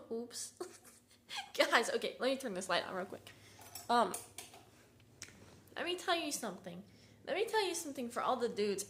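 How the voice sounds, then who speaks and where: Young female vlogger, higher voice, chatty and irritated, heavy on fillers and slang. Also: fairly bright tone. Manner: chatty, fills talk with "like", "bro" and "dude"; irritated, venting. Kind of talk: casual vlog rant.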